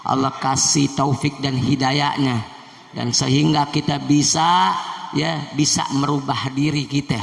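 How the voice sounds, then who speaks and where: A man preaching at a mosque gathering, slangy and coaxing, rising to shouted prayers. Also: mid-range voice, steady tone, measured pace, gravelly. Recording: echoey hall reverb.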